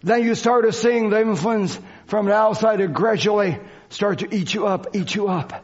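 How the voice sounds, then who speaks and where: A man with a high voice preaches a church sermon at normal speed in non-native English phrasing. He exhorts with fervor, repeating phrases and swinging between shouts and quieter talk. The lo-fi recording sounds dull.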